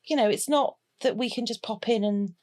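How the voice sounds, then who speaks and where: An older woman chats casually as a podcast co-host, giggling through her stories. Her voice sits a little high and moves in an animated way. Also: moderate pace. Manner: chatty, giggly, animated storytelling. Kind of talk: casual chat.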